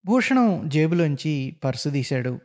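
A man narrating a story in an expressive, dramatic reading. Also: fairly high pitch, measured pace.

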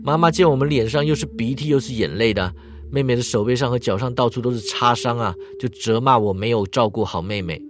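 A man telling a bedtime ghost story in a hushed, suspenseful way. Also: mid-range voice, brisk. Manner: hushed and suspenseful, trailing particles. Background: music.

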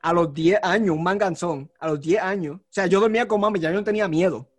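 A man telling a personal story in a casual podcast chat, animated and acting out the moments. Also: high-pitched, fast talker. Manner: animated storyteller, acts out shouts. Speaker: podcast co-host.

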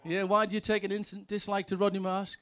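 Brief: middle-aged ex-player man, high voice, brash comic yarns. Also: monotone, fast talker, a bit bright, a little hiss or hum. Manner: brash, punchy, sweary punchlines. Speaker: former footballer telling stories. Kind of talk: comic anecdotes, stand-up storytelling.

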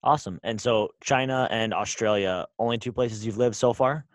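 A man's voice: on the low side, moderate pace, dry recording. A man hosting an interview, upbeat and encouraging, asking his guest short questions. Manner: upbeat, keeps saying awesome. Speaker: interview host.

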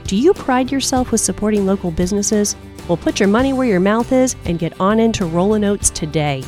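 A woman's voice: medium pitch, expressive, brisk, a little mellow, faint music behind. A woman co-hosting a food podcast, reading a sponsor message with enthusiasm. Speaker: podcast co-host. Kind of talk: casual chat and read sponsor ad.

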